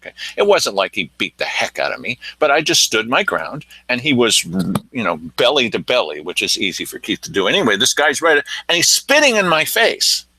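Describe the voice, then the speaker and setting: A man hosting a local news talk show, telling stories in a casual, animated way and acting out what others said. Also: mid-range voice, a little fast, breathy edge, no room sound, low-quality recording. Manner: animated storytelling, acting out quotes. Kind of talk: casual commentary chat.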